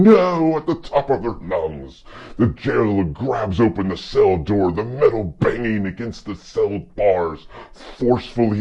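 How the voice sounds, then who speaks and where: A man with a very low voice narrates a tabletop dungeon scene at an unhurried, deliberate pace. His tone is dark and husky. The recording sounds dull and muffled. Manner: slow, measured storytelling. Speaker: game master narrator.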